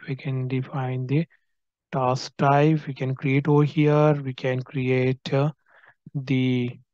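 Slow, dark-voiced male software trainer. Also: fairly high pitch, no echo, lo-fi sound. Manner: explanatory, frequent tag "right?". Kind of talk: screen-recorded software tutorial.

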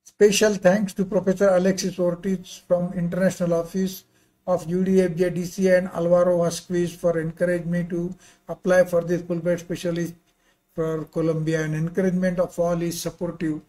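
A man's voice: sits high, completely flat delivery, normal speed, mellow, rough recording. An older man giving a slide lecture over a video call in non-native-sounding English, courteous and given to informal, rambling asides. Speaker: visiting pharmacy professor and associate dean.

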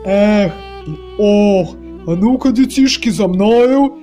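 A woman voicing a hungry, grumbling male giant in a children's storybook reading, booming and growling. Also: expressive, slow, warm tone, soft background music. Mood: scheming. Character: hungry grumbling male giant, fierce but secretly kind.

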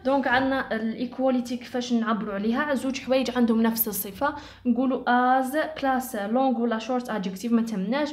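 Algerian lady going over exam revision, bit high pitched, lots of uh's, slows down for examples. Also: fairly even intonation, a little mellow. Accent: Algerian Arabic. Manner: explains quickly, then spells out examples slowly; frequent hesitation sounds. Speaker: teacher.

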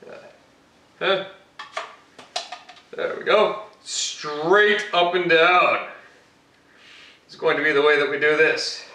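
Doing a comic cooking demo as Batman, a grown hero turned bragging TV chef, a young man sounds cocky and rambles with fillers. His fairly high voice is bright and forceful, slow, with long pauses. The echoey home kitchen is caught by a camera mic placed far off.

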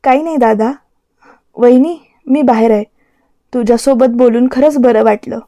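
A woman voicing a young woman, a grateful younger sister, speaking softly in a storybook reading. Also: on the high side, moderate pace, no room sound, clean studio sound, close to an everyday voice. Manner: soft, thankful.

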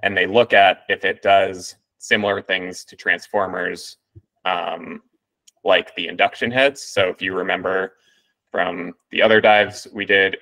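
A man walks a reading group through a machine learning paper in a casual way, with lots of ums and restarts. His voice is low and sharp, and the recording quality is poor.

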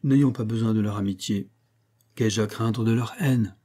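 A man gives voice to an upright mountain man in an audiobook, answering a king with earnest, steadfast conviction. The voice stays warm and mellow with a husky edge. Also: fairly low pitch, fairly even intonation, normal speed, close to an everyday voice. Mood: resolute. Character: honest, unflinching mountain man, upright commoner. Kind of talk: audiobook character reading.

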